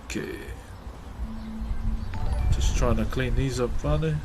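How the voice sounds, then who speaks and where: A man with a New Zealand accent answers viewers on a livestream, laid-back and slangy. His medium-pitched voice is fairly even and slow, heard over music with clearly noisy background ambience.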